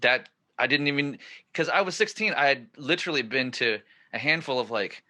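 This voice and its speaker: Male podcast host, 40s, bright, energetic, rambling storyteller. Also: mid-range voice, a little fast. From northern California. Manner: excited, rambling storyteller who gets louder at the punchlines. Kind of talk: casual storytelling chat.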